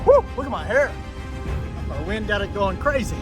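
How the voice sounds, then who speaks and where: Man, high voice, casual excited vlog commentary, repetitive, talking to viewers, music over car audio. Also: normal speed. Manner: addresses viewers as guys, repeats himself. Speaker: storm chaser. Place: inside a moving car.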